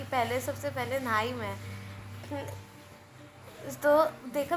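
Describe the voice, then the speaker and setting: A woman's voice: high-pitched, slight background noise. Chatty young woman vlogger. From India. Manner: chatty, mixes Hindi and English, excitable. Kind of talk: casual vlog voice-over.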